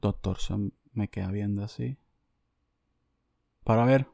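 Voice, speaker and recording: A man with a Venezuelan accent hosting a podcast, telling a comic story in an animated, slangy, self-mocking way. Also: fairly low pitch, a little slow, vocal fry, dry recording, studio quality. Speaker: podcast host.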